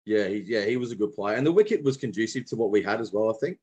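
This former professional cricketer is a young adult from Brisbane who talks fast in a fairly low, slightly rough voice with an Australian accent. Appearing as a podcast guest, he chats casually and tells relaxed stories with friendly slang, often restarting.

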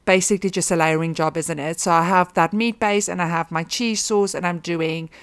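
Woman, thirties, lower voice, relaxed chatty cooking voice-over, dry close mic. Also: a little fast, clear, resonant tone, no echo. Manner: relaxed, chatty, frequent ums. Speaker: cooking vlogger. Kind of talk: casual voice-over narration of cooking steps.

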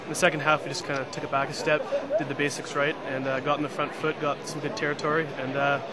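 A young man in his twenties, a team captain, answering post-match questions in a quick, easygoing way with a joke or two. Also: fairly high pitch, little pitch movement. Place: outdoor stadium, post-match. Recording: loud crowd noise behind.

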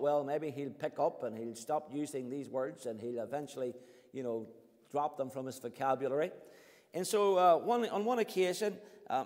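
A man's voice: on the high side, a little mellow. An older man preaching a sermon, telling anecdotes and building to emphatic points. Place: church hall. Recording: long reverb of a church hall.

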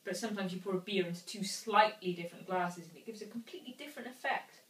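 A woman's voice: medium pitch, quick pace, fairly bright tone. A woman in her thirties giving her opinions in a casual chat as a beer reviewer. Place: home kitchen, indoors. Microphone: camera a few feet away. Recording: echoey kitchen, distant camera mic, faint noise.

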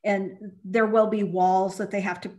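A woman on city staff answering council questions over a video call, halting and apologetic, with many "um"s. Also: medium pitch, little pitch movement, warm tone.

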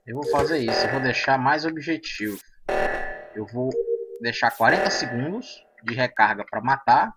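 A man hosting a gaming channel, chatting excitedly to himself and his viewers over gameplay. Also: medium pitch, moderate pace, over loud music. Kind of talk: casual gameplay commentary.

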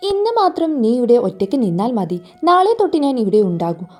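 A woman's voice: on the high side, very animated, a little fast, darkish tone, faint music behind. A woman reading a stern, bossy young husband. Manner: curt, bossy orders.

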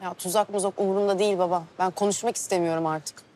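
An actress playing a defiant, sharp-tongued young woman arguing with her father in a TV drama. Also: on the low side, fairly even intonation, fast talker, a little hiss or hum, lightly acted. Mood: weary. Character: defiant young married daughter, proud and stubborn. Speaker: daughter. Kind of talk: TV drama acting.

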